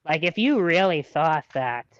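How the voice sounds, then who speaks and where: A man's voice: a little high, expressive, unhurried, a bit bright, dry recording, muffled recording. A man in a casual debate chat on a stream, opinionated and exasperated, peppering his sentences with "like". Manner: filler-heavy, repeats "like", exasperated and opinionated.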